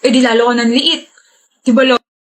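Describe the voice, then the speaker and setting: Woman, very high voice, playful teasing comedy-skit delivery. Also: fairly even intonation, brisk. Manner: bantering, teasing. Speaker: skit creator. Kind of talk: scripted comedy skits.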